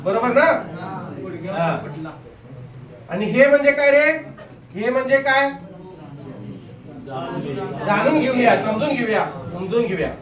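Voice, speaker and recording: A man teaching a grammar class in a lively way. He quizzes his students, jokes with them, and. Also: extremely high pitch, slow, pauses often, distant mic. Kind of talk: classroom lecture. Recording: echoey classroom recorded from afar.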